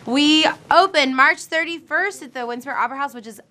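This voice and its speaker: A woman promotes a film festival with enthusiasm. Her voice is high and bright. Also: a little fast. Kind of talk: promotional address. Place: outdoors on a street.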